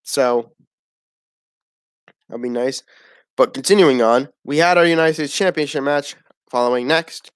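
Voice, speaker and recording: Male host, casual wrestling reviewer, blunt, rambling and profane, mid-pitched, recorded dry and close. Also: unhurried, pauses often, smooth, no room sound. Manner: rambling, blunt, swears often, laughs at the show.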